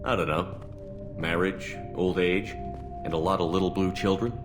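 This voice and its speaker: A man playing a steadfast military commander in a video game cutscene, calm and wry with a plain, understated delivery. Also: sits low, moderate pace, lightly acted. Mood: wry tenderness. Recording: long hall reverb, music behind.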